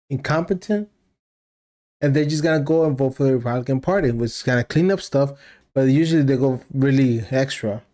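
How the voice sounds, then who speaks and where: A man's voice: mid-range voice, dark tone. Blunt, ranting man hosting a stream. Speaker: livestream host reacting to news clips. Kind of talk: casual reaction commentary.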